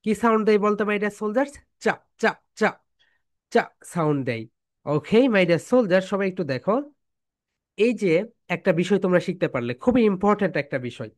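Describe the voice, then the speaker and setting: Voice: medium pitch, animated, brisk. Drilling teacher. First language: Bengali. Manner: keeps addressing students as "my dear soldiers", repeats phrases for drilling. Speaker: English pronunciation teacher. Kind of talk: spoken lesson with call-and-response drills.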